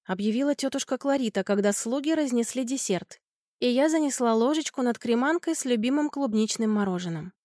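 A woman narrating an audiobook in an expressive first-person storytelling manner. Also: on the high side, a little fast, no echo, studio quality. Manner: lively first-person storytelling, voicing characters' shouts.

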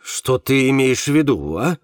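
Audiobook: reader doing an insistent man, lively pitch. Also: moderate pace, dry recording, studio quality, close to an everyday voice. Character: firm man defending a friend.

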